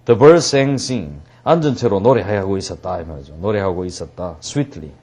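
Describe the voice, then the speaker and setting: A man's voice: deep voice, expressive, moderate pace, a little mellow, slightly rough. A man teaching an English reading lesson, translating line by line and joking as he tells the story.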